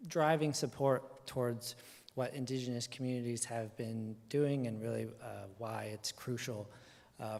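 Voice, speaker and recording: Male panel moderator, halting delivery, reverberant hall. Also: medium pitch, a little mellow. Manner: hesitant, many fillers. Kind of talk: live panel talk.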